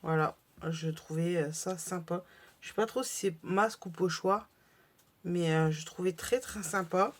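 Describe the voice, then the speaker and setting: A woman's voice: lowish voice, a little slow. A French-speaking woman vlogging casually about her craft purchases, chatty and hesitant, with frequent fillers and restarts. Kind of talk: casual haul video.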